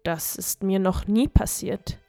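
A woman voicing a huge, furry, one-eyed male forest creature in a storybook reading, gentle and curious. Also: mid-range voice, fairly even intonation, slow pace, gravelly, dry recording, faint music behind. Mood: puzzled.

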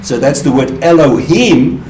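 A middle-aged man from South Africa speaks earnestly as a missionary guest, quoting scripture in quick bursts. His voice sits a touch high for a man. It comes through a roomy space from a mic some way off, with a faint hiss behind. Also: expressive, a little mellow, far from the mic. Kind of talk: podcast interview on faith.

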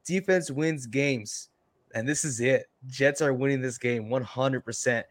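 A mid-pitched man talks sports casually as a panelist, recorded dry with no room sound. He is blunt and emphatic about his opinions. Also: a little slow, no echo. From New York.

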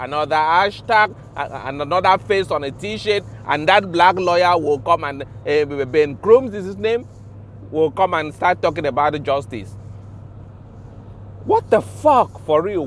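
A man's voice: high-pitched, expressive, moderate pace, a little hiss or hum. A man with a Nigerian accent, mixing Pidgin and English in an indignant, impassioned vlog rant, swearing and repeating himself for emphasis. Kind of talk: ranting vlog monologue.

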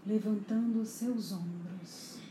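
A woman guides a meditation in a very dark, soft-edged voice. Her delivery is soothing and hushed, as in a spa, and drawn out extremely slowly with long pauses. The recording has a roomy echo around her. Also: mid-range voice, steady tone. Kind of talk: slow guided meditation narration. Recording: echoey room, faint background noise.

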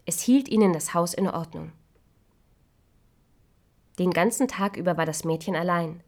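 A woman reading a fairy tale aloud as narrator, in a measured voice that softens to a hush at times. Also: lowish voice.

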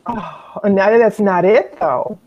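A woman's voice: mid-range voice, slow. Woman podcast host, slightly dull sound. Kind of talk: casual interview.

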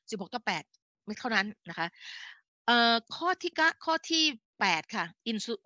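Bright-voiced woman, chatty health talk. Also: medium pitch, no echo. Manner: chatty, with frequent self-corrections and fillers; speaks to listeners as an older sister. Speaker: health educator hosting a live stream. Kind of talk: casual explanatory live talk.

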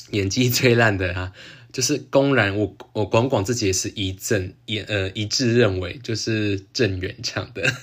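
A man with a Taiwanese Mandarin accent hosting a casual solo podcast chat, excitable, full of exclamations and laughing often. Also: mid-range voice, slightly rough. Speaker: podcast host.

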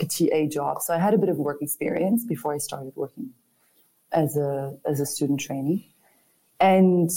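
A woman's voice: lowish voice, warm tone, rough recording. A young adult woman, chatting reflectively as an interview guest. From Germany. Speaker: guest, architect. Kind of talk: casual interview chat.

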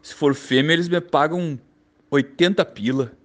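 A man's voice: a little high, moderate pace, voice pushed up, lightly acted. A man voicing a nonchalant twelve-year-old street boy, matter-of-fact in his answers.

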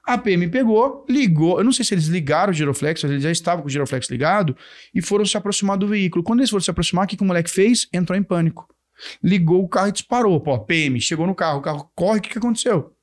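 A man hosts a casual interview. He tells cop stories at a quick clip in a high, bright voice and slips into the voices of the people in them. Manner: lively storyteller acting out dialogue. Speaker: podcast host, police officer.

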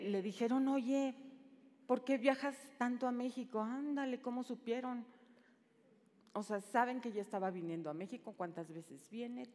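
A middle-aged woman preaching a sermon, swinging from loud calls to hushed shushing. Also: fairly high pitch. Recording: long reverb in a large hall.

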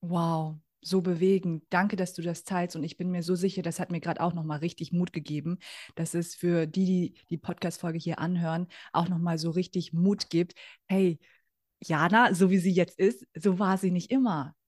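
A woman hosting a podcast interview, gushing and excitable as she asks her guest questions. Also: lowish voice, moderate pace, dry recording, studio quality. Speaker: podcast host.

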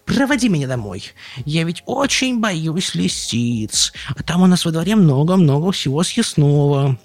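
A man voicing a timid little yellow female chick in an audiobook, with a squeaky, stammering voice. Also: sing-song, moderate pace, no room sound. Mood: cheerful, chirpy. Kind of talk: audiobook storytelling.

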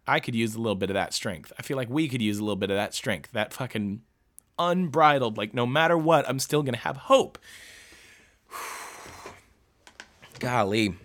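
Bright-voiced man in halting, heartfelt commentary. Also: medium pitch. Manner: halting, with many restarts and swearing. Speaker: podcast host reading a true-crime book. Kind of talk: emotional casual commentary.

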